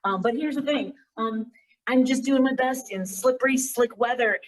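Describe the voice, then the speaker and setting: A woman's voice: on the high side, moderate pace. A woman comic telling a rambling, self-mocking stand-up story in an echoey bathroom with hard walls. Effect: echoey bathroom sound. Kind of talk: stand-up set over a live stream. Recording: echoey bathroom, far from mic.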